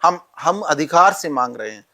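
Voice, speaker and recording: A man gives calm, step-by-step instructions on rituals and mantras as an interview guest. His voice sits a little high for a man, and he speaks straight to the listener. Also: normal speed. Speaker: astrologer guest.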